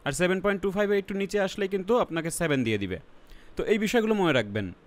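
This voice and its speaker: A young Bangladeshi man teaching an online exam-prep class, his voice sitting a touch high. He walks through each point step by step, slips English terms into his explanations and keeps asking whether the students follow. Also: expressive, fast talker. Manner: explains step by step, checks in with "ঠিক আছে?". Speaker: IELTS teacher. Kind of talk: online lesson.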